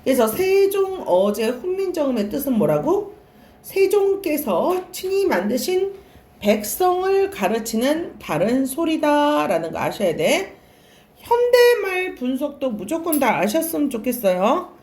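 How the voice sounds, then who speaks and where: A woman's voice: high-pitched, big pitch swings, unhurried, a little mellow. A woman teaching a classroom lecture, asking questions and answering them herself, and repeating and stretching key words. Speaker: Korean language teacher.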